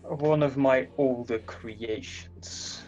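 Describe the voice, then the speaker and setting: Here is a stern, lordly inquisitor, voiced by a man at a game table. He speaks formally and deliberately, as one used to being obeyed. Music plays behind his words. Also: medium pitch, a little mellow, lightly acted. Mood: measured command. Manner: formal, measured, commanding.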